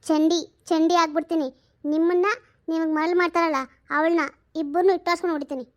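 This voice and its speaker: A woman's voice: extremely high pitch, flat delivery, quick pace. A woman playing a chatty, sentimental housewife who scolds her daughter and frets with her husband in a comedy sketch. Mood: teasing threat.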